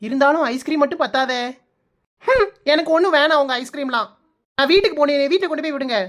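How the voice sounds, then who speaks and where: A woman's voice: high voice, fast, lightly acted. A woman voicing a fussy, sulky young village wife in a cartoon comedy, with a Kanyakumari Tamil accent. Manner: whiny, sulky, nagging.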